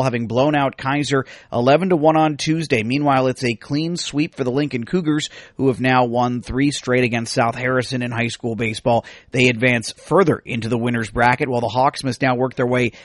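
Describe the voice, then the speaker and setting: A man reading a scripted sports report in a brisk, even manner. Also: medium pitch, no echo, clean studio sound. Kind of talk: scripted sports news read.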